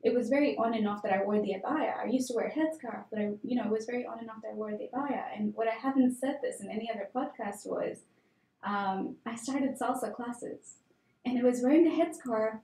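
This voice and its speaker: With a voice on the high side, a dark tone and a slightly fast pace, a young woman from Tanzania shares her personal story as an interview guest. She's candid and conversational, using many fillers, in an echoey room.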